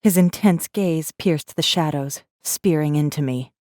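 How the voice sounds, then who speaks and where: A tense, wary mood marks this first-person audiobook passage, where a woman in a deep, dark voice plays a guarded rebel messenger telling her tale. She reads with measured drama, and the sound is very dry and close, with no room sound.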